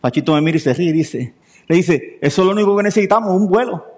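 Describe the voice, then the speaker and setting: Fairly high-voiced preacher. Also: male voice, quick pace. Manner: lively storyteller acting out dialogue. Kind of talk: sermon storytelling.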